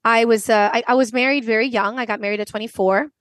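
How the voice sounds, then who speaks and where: A woman's voice: fairly high pitch, steady tone, quick pace, fairly bright tone, no echo. A woman in her forties from Venezuela, a podcast guest telling a personal story earnestly, with frequent restarts. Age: 40s.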